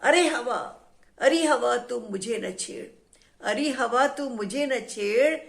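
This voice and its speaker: A woman voicing a proud, angry male tree in a children's story who shouts threats in rhyme. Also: sits high, measured pace. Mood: boastful.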